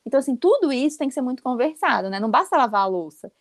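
A woman in her thirties with a Brazilian accent, co-hosting a casual chat and telling stories in a quick, emphatic, animated way. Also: high-pitched, no echo, studio quality. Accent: Brazilian Portuguese. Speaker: podcast co-host.

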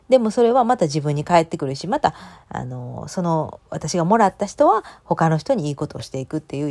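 A woman's voice: low voice, creaky, warm tone. A woman in her thirties with a Kansai accent, telling a personal story in a chatty, emotional way with many fillers. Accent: Kansai Japanese. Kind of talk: casual storytelling monologue.

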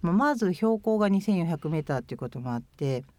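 A woman's voice: on the low side, animated, quick pace, mellow, no echo. A woman in her fifties from Japan, answering interview questions in a thoughtful, hesitant way with many fillers. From Chiba, Japan. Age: 50s. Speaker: guest, former overseas volunteer.

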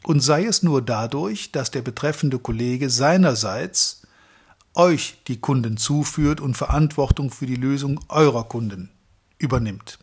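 Husky-voiced German man coaching salespeople. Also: medium pitch, animated, unhurried. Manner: addresses listeners directly, piles up long lists of verbs. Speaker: sales trainer. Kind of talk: motivational training talk.

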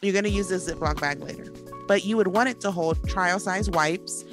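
A lower-pitched woman chatting casually as a podcast co-host. She's blunt and swears often, with laughs breaking through, and music plays clearly under her voice. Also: normal speed. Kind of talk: casual chat.

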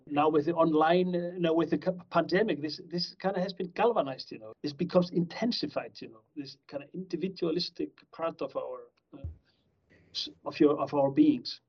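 A middle-aged Icelandic criminology professor answers interview questions conversationally, rambling with lots of fillers and restarts. His voice is on the high side, creaky and husky, and the lo-fi recording sounds slightly dull.

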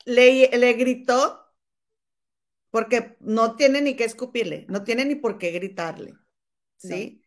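Woman, casual co-host, reactive and expressive, slightly high pitch. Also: takes it slowly. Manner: expressive, gasps and reacts, calls her friend comadre. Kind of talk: casual chat.

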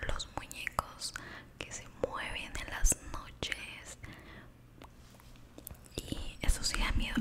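Softly whispering woman, slow and close. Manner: soft, affectionate, repeats words slowly. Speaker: ASMR creator. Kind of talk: whispered ASMR talk to the viewer. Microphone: close sensitive microphone.

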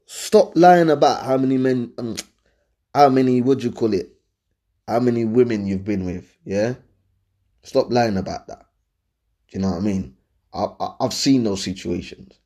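With a medium-pitched, dark-toned male voice, a London host gives viewers dating and lifestyle advice at a moderate pace, pausing often. His delivery is slangy and conversational, full of opinions and checks that the audience is keeping up.

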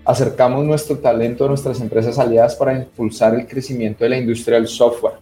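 A Colombian man hosts a radio interview in a relaxed, conversational way. His voice is dark and mellow. The room echoes around him, with faint music behind. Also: medium pitch, quick pace. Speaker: radio show host.

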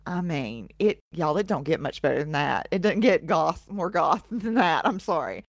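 A woman's voice: low-pitched, animated, moderate pace, dry recording, studio quality. A woman co-hosting a podcast, telling a history story in a casual, profane way and laughing often. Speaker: podcast co-host.

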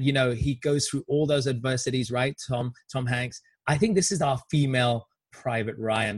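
Husky-voiced enthusiastic man hosting a podcast. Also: on the high side, no room sound. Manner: enthusiastic, chatty, many fillers. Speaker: podcast host. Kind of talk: casual interview.

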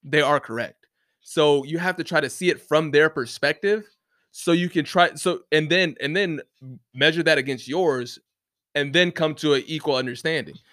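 A man's voice: fairly high pitch, moderate pace, a bit bright, no room sound, clean studio sound. A man ranting casually, rambling with many restarts and fillers and swearing freely. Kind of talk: casual rant to camera. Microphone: close mic, bumped once.

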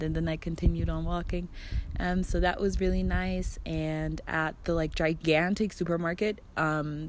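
A young woman in her twenties, originally from Germany, speaking in a slightly low voice. She rambles through a casual vlog story, leaning on "like" and playing out both sides of conversations. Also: a little mellow. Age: 20s. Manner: chatty, fills speech with "like" and "I'm like", acts out quoted dialogue. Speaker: vlogger.

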